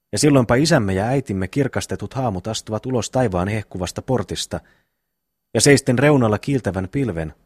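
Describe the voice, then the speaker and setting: A man's voice: lowish voice, darkish tone, no room sound, clean studio sound. A man reading the lines of a grown peasant brother who earnestly talks his brothers out of a fight. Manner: long solemn persuasive speech.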